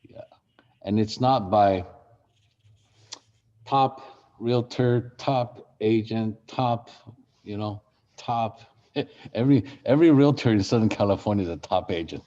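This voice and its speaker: A man's voice: fairly low pitch, measured pace, long pauses, dark tone, muffled recording. A man who grew up in Brazil, leading a real estate marketing workshop in a conversational way and asking the group questions. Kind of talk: interactive workshop teaching.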